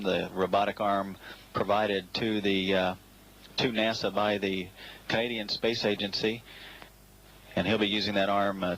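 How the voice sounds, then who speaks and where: A man giving live spaceflight commentary in a measured, formal way, often pausing with filler sounds as he goes. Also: on the low side, fairly bright tone, a little hiss or hum, low-quality recording. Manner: measured, formal, hesitant with frequent filled pauses. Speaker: mission commentator.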